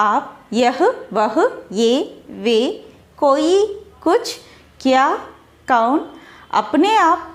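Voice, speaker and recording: A woman teaching a grammar lesson. Her voice sits high and moves a lot in pitch. She explains things patiently and repeats each term in more than one language. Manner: explains slowly, repeats terms in several languages.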